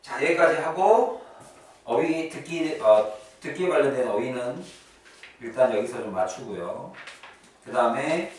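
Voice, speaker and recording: A man teaches an English class at a private academy, explaining vocabulary and grammar in a chatty way and often checking in with his students. His medium-pitched, darkish voice has lively intonation and an unhurried pace with frequent pauses. The room is echoey, the mic distant, and there is faint noise.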